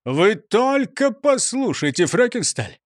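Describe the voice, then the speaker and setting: A man's voice: high voice, very animated, takes it slowly, no room sound, clean studio sound, voice pushed up, heavily acted. A man doing an earnest fireman explaining. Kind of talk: storybook reading.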